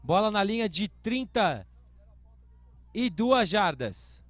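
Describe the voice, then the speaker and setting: Brazilian male sports commentator, high voice, clipped explanatory announcer phrasing, dry recording, live American football coverage. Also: big pitch swings, slow pace, a bit bright, no echo.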